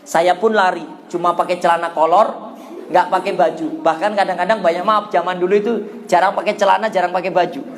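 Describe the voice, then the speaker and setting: A man's voice: high voice, a little fast. A middle-aged man with a Javanese accent giving an Islamic sermon, telling a childhood story and acting out the voices in it. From Java, Indonesia. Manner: animated storyteller who acts out childhood voices. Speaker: Islamic preacher.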